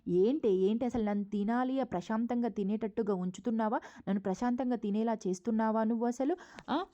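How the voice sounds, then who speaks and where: A stern, bitter mother-in-law from a TV serial retelling, as a woman narrator puts her on, firing off nagging rhetorical questions in a raised voice. The tone stays mellow and dark rather than shrill. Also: normal speed, muffled recording, close to an everyday voice. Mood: scolding.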